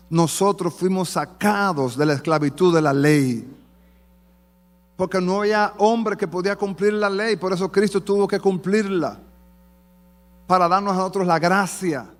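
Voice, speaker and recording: A man preaches with fervor from a church sanctuary, his voice sitting high for a man. He speaks straight to the congregation as a pastor. Long reverb trails off the walls of the hall. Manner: fervent preaching, calls the congregation "amado". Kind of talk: sermon.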